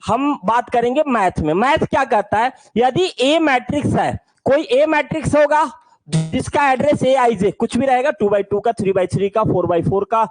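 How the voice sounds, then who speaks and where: A man's voice: extremely high pitch, no echo, poor audio. A man teaching an online maths class in a playful way. He keeps telling students to look carefully and asks the class questions.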